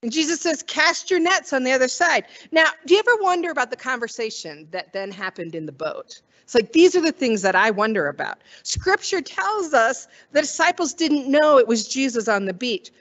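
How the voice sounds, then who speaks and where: A woman's voice: high-pitched, expressive, moderate pace, few pauses, fairly bright tone. A woman pastor giving a sermon in a conversational way, wondering aloud and acting out the quoted voices.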